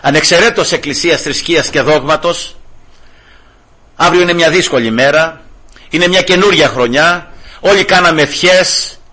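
A middle-aged man preaching a sermon with personal testimony, fervently swinging between hushed tones and exclamations. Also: fairly high pitch.

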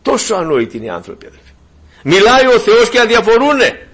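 A male preacher delivering a sermon in a husky, slightly raspy voice pitched a little above the usual. He speaks fervently to his listeners, fires rhetorical questions at them and repeats his key points. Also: big pitch swings, fairly bright tone. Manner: fervent, emphatic.

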